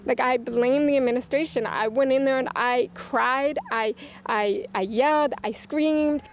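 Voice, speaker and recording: A woman's voice: high voice, a little slow, slight background noise. Upset mother, stammering. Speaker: parent of bullied student. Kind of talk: news interview.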